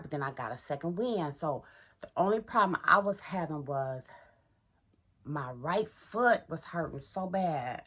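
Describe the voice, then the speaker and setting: A woman's voice: low-pitched, a bit bright. A middle-aged woman vlogging casually while getting ready, chatty and talking to viewers as y'all, in a groggy morning voice. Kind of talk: casual get-ready-with-me vlog.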